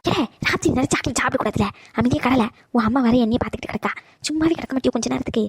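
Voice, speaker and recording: A woman voicing a bossy, sharp-tongued old grandmother who scolds fast and dotes on her grandson. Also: sits high, expressive. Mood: scolding. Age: older. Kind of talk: cartoon voice acting.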